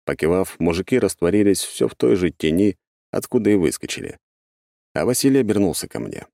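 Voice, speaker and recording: A man narrating an audiobook in the first person, measured and even. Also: sits low, creaky, no room sound, studio quality.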